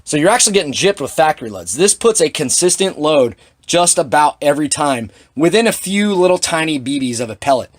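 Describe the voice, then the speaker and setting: A man's voice: fairly high pitch, very animated, a little fast. Plain-spoken man demonstrating reloading gear. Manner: plain-spoken, dry sarcastic asides. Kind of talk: hands-on equipment demonstration.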